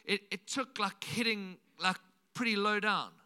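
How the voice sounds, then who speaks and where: A man's voice: high-pitched, unhurried, pushed and bright, clear, resonant tone. A man preaching a sermon in a conversational way, often repeating words and saying "like" and "you know".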